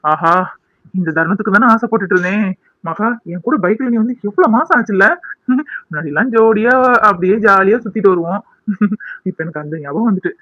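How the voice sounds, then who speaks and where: A man doing a fast, lively, mocking ex-lover. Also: high voice, no room sound, highs cut off, full character voice. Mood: wistful, coaxing. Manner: mocking, sarcastic, teasing. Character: young man, spurned ex-lover, mocking and scheming.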